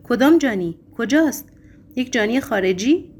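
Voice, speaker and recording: A woman's voice: on the high side, lively intonation. A woman reading a storybook voices a sly, meddling male ex-choirmaster who eagerly mocks and eggs people on. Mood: gleeful. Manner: loud, eager, mocking delivery.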